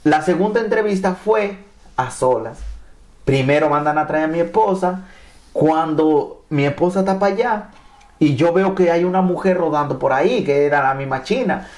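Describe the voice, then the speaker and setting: A man from Mexico who speaks Spanish as his first language, telling his immigration story in an animated testimony, often repeating and restarting his phrases. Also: a little high, moderate pace. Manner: repeats and restarts phrases, acts out quoted dialogue.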